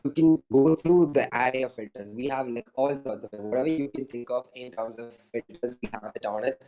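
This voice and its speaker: A man with a mellow, dark voice talking loosely on a video call. He rambles, restarts sentences and leans on fillers as he explains his product. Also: mid-range voice, a little fast, low-quality recording. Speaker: startup founder. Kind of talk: casual interview answers over a video call.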